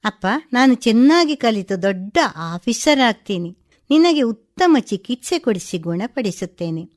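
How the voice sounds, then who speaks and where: A woman's voice: on the high side, sing-song, unhurried, a little mellow. Woman voicing an earnest loving schoolgirl daughter. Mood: comforting. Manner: earnest, tender, calling "appa" often.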